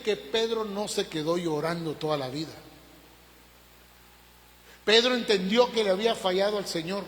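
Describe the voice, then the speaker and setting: High-voiced preaching man in a reverberant hall. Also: fairly bright tone. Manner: emphatic preaching with rhetorical questions and sudden rises. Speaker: pastor. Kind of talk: sermon. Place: church hall.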